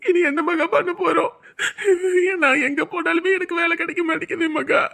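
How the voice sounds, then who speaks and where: A woman's voice: very high-pitched, fairly even intonation, normal speed, vocal fry, pushed and bright, exaggerated voice. A woman voicing a young husband who is tearful and self-pitying after losing his job, in a serial-style drama. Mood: despairing. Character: young husband in despair over lost work. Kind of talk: TV serial acting.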